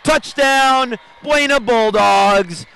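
A high-pitched man calls a night football game play by play. His voice climbs into loud, excited calls whenever a big play breaks. He sounds like he is at an outdoor stadium. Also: drawn-out words, creaky, clear, resonant tone. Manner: excited calls that rise sharply on big plays. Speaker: play-by-play announcer. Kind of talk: live football commentary.

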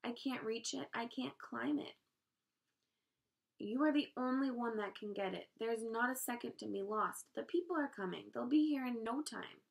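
A woman reading aloud, voicing a desperate young male pig who pleads in a high voice near tears. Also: a little fast, creaky, hardly any pauses, distant mic. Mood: pleading.

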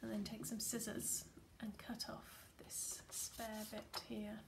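Soft-spoken woman with a gravelly, flat voice. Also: mid-range voice, takes it slowly. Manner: soft, gentle, many fillers; often drops to a near whisper. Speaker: meditation leader. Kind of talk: guided craft meditation. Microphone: computer or phone camera.

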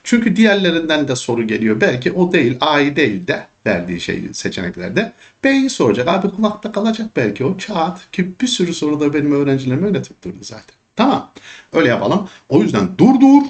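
A man teaching history for an exam, ranting and joking in an animated, casual way, sometimes slipping into a Çorum dialect. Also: quick pace. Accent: Turkish, Çorum dialect slips. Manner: animated, joking, rants and jumps high when worked up. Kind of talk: exam prep lesson with casual rants.

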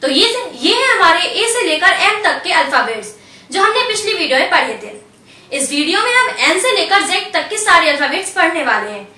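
A woman with a very high, bright voice teaches a step-by-step language lesson, slow and patient, repeating each letter. She sits a little back from the mic in an echoey room. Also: very animated, recorded from a distance.

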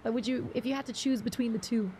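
Faint music plays behind a young half English, half Bruneian streamer whose warm, fairly high voice moves fast with fairly even intonation. While gaming, she chats casually, says hello to viewers and reads chat aloud, often saying um.

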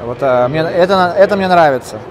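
A man's voice: fairly high pitch, animated, fairly quick. A man interviewing exhibitors at a trade expo, chatting casually and joking, with hesitant fillers. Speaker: video blogger at a trade expo. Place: crowded indoor expo hall. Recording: loud crowd noise behind.

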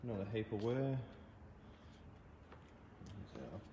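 A young man, a mechanic casually walking through his engine work in a plain-spoken, relaxed way with trailing phrases, recorded by a camera across a large indoor workshop. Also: lowish voice, slow, lo-fi sound. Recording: echoey workshop with clear background noise.

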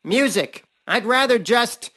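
Casting: woman to play self-important cartoon rat, rat-king entitlement, selfish, highish swooping delivery. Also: lively intonation, takes it slowly, fairly bright tone, full character voice. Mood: self-centred, whiny. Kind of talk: cartoon character acting.

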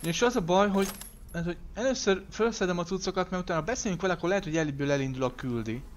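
A man's voice: high-pitched, slight background noise. A man casually commenting on his own game playthrough, thinking aloud, talking to viewers and swearing when he slips up. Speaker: gamer streaming a playthrough. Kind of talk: casual let's play commentary.

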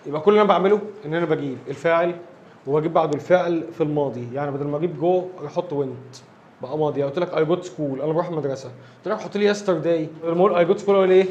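A man's voice: high voice, darkish tone, muffled recording, a little hiss or hum. A man with an Egyptian Arabic accent teaching an English grammar lesson, explaining step by step and often checking that his listeners follow.

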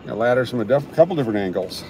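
A man's voice: mid-range voice, expressive, racing, dark tone, slight background noise. A man hosting a live stream outdoors on a downtown street. He gives casual commentary on what is going on around him and reads out viewer comments. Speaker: livestream host.

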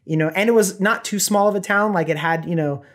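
Brisk and high-pitched, this thirtysomething founder from Southern California chats casually as a podcast guest, gesturing constantly and leaning on "you know" and "right." The setting is a small bookshelf-filled podcast studio, with his voice picked up by a desk microphone on a boom arm.

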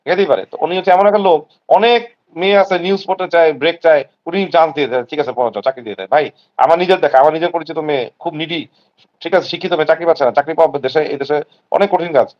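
A man's voice: on the high side, quick pace, dull audio. A man, talking emphatically and repetitively on an online live stream. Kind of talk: heated casual talk.

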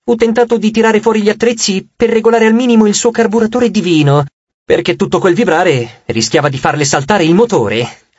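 A man narrating an audiobook chapter with expressive storytelling. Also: sits high, brisk, dry recording, highs cut off. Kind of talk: scripted narration.

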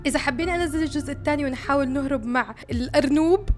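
A woman's voice: high voice, very fast, faint music behind. A young woman with a Levantine Arabic accent, playing a horror game as a YouTuber and reacting jumpily, often shrieking and repeating words when scared. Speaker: gaming YouTuber. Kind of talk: let's-play commentary.

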